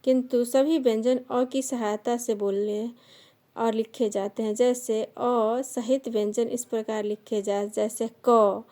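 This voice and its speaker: A woman teaching a grammar lesson, slowly dictating definitions and listing sounds and example words one by one. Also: a little high, steady tone, warm tone. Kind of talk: slow classroom grammar lesson.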